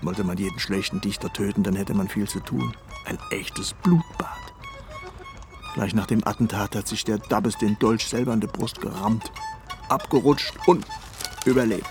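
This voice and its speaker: An actor playing Goethe as an ageing, opinionated, self-important poet on a coach journey, musing and grumbling aloud in a Hessian accent in a radio drama. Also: male voice, fairly low pitch, moderate pace, close to an everyday voice. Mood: mocking. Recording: music behind the voice.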